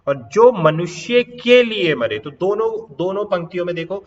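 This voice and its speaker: A man teaching an exam-prep grammar lesson, repeating key points, checking if students follow, and reading examples slowly. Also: sits high, fairly bright tone, in a large hall, dull audio. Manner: repetitive, checks understanding, drawn-out example lines.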